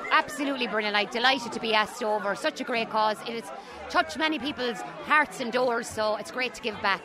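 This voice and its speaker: Irish female singer in live interview, high and rapid, gushing, crowd and music behind. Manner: effusive, thankful. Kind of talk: casual chat interview.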